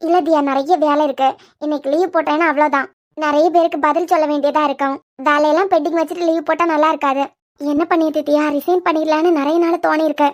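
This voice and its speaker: Cartoon role: weary young working woman, voiced by a woman, Kanyakumari Tamil accent, very high, fast, troubled. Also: steady tone, lightly acted. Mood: plain. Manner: troubled, pleading. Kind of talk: cartoon web series voice acting.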